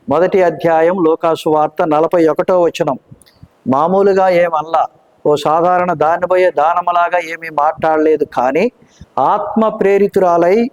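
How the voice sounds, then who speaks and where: A man preaching a sermon, reading scripture slowly and deliberately and asking rhetorical questions. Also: high-pitched, darkish tone, low-quality recording.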